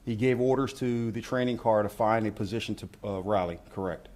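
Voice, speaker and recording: A man speaking as a law enforcement official, walking reporters through footage in measured, procedural language. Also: lowish voice, darkish tone. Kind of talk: news briefing commentary on footage.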